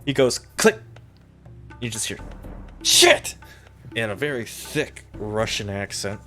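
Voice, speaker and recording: A man with a slightly low voice runs a tabletop game as game master, describing each shot and hit for his players. He gets audibly excited when the dice come up big. Music plays softly behind him. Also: moderate pace. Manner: excitable, gasps at big rolls. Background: background music.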